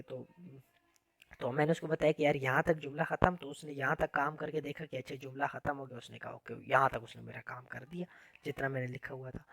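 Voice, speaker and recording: A man's voice: mid-range voice, gravelly, no room sound. Chatty man teaching code, dry voice-over. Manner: chatty, informal, says "yaar" often. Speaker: programming teacher. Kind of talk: casual classroom lecture.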